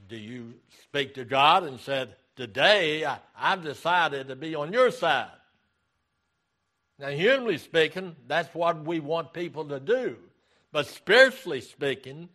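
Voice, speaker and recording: Slow, deliberate male preacher. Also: a little high, pushed and bright. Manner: deliberate preaching, repeating key phrases. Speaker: pastor. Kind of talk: sermon.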